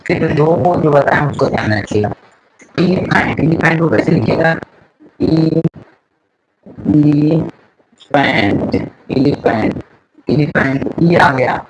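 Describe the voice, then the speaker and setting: Guy teaching grammar real slow, kinda high voice, keeps repeating stuff, noisy clicky recording. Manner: slow, repeats words and letters aloud, asks questions to students. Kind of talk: classroom-style grammar lesson.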